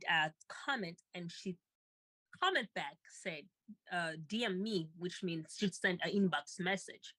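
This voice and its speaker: A woman's voice: lowish voice, fairly bright tone, no room sound. A woman co-host telling a personal story with feeling, often repeating herself and laughing lightly.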